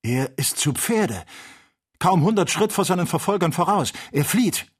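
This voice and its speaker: A man voicing an excitable male hunter on a balloon journey, speaking in urgent, agitated exclamations. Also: high-pitched, measured pace, slightly rough, voice pushed up, exaggerated voice. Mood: alarmed.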